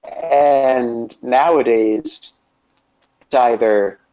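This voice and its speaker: A man chatting on a gaming podcast, stopping and restarting often and filling gaps with "um" and "uh". His voice sits at an ordinary pitch. The audio is dull and lo-fi. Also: warm tone, clean tone. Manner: halting, many fillers and restarts. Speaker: podcast co-host. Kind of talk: casual gaming chat.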